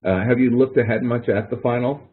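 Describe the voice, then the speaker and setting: A man running an informal help webinar instructs students online, rambling and hesitating with repeated words. His mid-range voice keeps a steady tone and runs a little fast over a narrow, tinny online-call connection.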